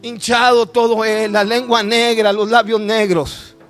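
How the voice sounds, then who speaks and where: A middle-aged man, preaching a sermon testimony and moving between hushed and shouted emotional storytelling. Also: sits high, little pitch movement, a little slow, soft background music.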